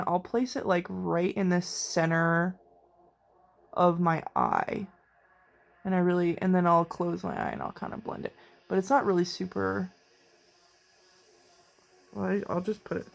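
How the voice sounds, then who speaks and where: Excitable chatty woman vlogger. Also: mid-range voice, gravelly. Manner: chatty and excitable, rambling with sudden bursts. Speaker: beauty vlogger. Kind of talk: casual makeup tutorial. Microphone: camera mic while filming herself.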